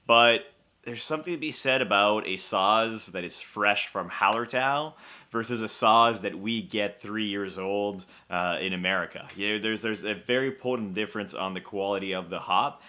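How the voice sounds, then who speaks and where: A man's voice: lowish voice, normal speed, pushed and bright. A young man co-hosting a casual beer chat, explaining history with wry humor. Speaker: co-host of a beer show.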